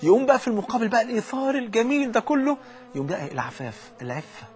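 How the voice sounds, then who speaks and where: A man's voice: very high-pitched, animated, racing, a little mellow, a little hiss or hum. A man with an Egyptian Arabic accent preaching a colloquial sermon and telling stories animatedly, acting out the dialogue.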